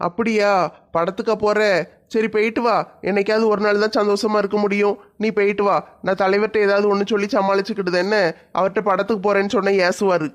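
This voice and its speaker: A man's voice: sits high, flat delivery, quick pace, lightly acted. A man playing a blunt male coworker who chides and teases. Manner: chiding, teasing.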